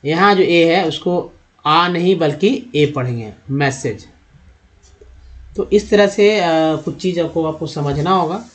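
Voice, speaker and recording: At a measured pace and a fairly high pitch, a man delivers a board lesson on reading English words. Treating viewers as friends, he patiently asks himself about each vowel sound and answers in turn.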